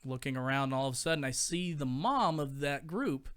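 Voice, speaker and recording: A man's voice: medium pitch, expressive, fairly quick, a bit bright, clean tone. A young adult man hosting a live stream, telling stories to his chat in a chatty, rambling way with lots of fillers. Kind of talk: casual storytelling to a live chat.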